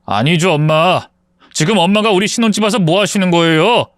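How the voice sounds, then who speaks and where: A man's voice: sits high, brisk, no echo, pitched above the performer's own voice, close to an everyday voice. A man voicing a protective young husband who speaks bluntly and firmly. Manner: firm, exasperated pleading. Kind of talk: storybook voice acting.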